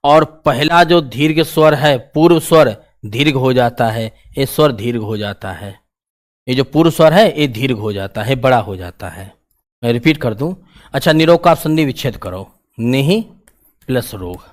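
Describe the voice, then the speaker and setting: A man's voice: mid-range voice, lively intonation, moderate pace. A male teacher, giving an exam-prep grammar lesson in a casual, repetitive questioning style. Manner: explains in a casual, colloquial style, asks questions and repeats the answers.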